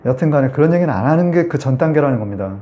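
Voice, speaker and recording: A man's voice: on the high side, lively intonation, very fast, dull audio. A man giving a Sunday sermon as pastor, telling a story and talking to the congregation in a conversational way.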